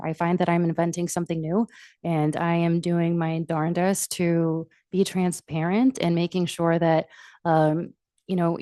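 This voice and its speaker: Mellow, lowish-voiced woman chairing a meeting. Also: dry recording. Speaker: township supervisor chairing a board meeting. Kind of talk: formal meeting remarks.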